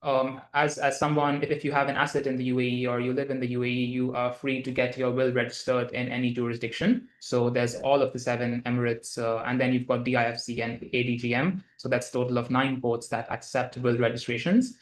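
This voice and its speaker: A man's voice: medium pitch, flat delivery, brisk, few pauses. A man, a lawyer, answering interview questions at length, with many fillers and restarts. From Dubai. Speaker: lawyer guest. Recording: roomy echo.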